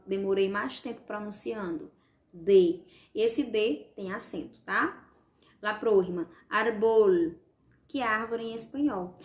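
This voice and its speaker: A Brazilian woman, a Spanish teacher, talks her class through an exercise in a mid-range voice. She explains patiently, drawing out each example word and checking in with the students after every point. Her voice bounces around an echoey room. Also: medium pitch. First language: Portuguese. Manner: explanatory, repeats words slowly, checks with "tá?" and "vale?". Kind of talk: recorded online class, correcting exercises.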